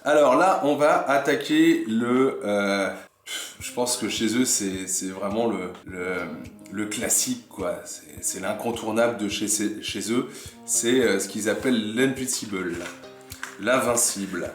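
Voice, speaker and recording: A man hosting a casual unboxing vlog, chatting admiringly about what he shows and often dropping to a soft murmur. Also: lowish voice, measured pace. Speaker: fishing channel host. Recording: echoey room with faint music.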